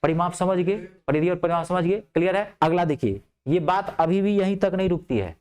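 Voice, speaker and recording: A male math teacher. He explains geometry step by step, keeps asking whether things are clear, and drops his voice low to answer his own questions. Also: animated, fairly quick, a little mellow. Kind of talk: lively classroom math lesson.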